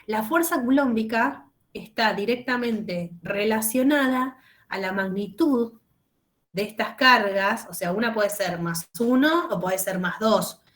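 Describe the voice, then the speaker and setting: A woman teaching a chemistry lesson over a video call, explaining step by step and checking often that students follow. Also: mid-range voice. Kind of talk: online class lecture.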